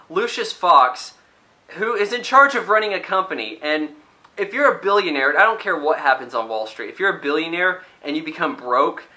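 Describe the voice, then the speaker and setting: A man's voice: on the high side, bright, forceful tone. A man giving a casual spoken movie review, rambling and critical, often restarting his sentences. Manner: rambling and critical, with frequent restarts and mock quotes.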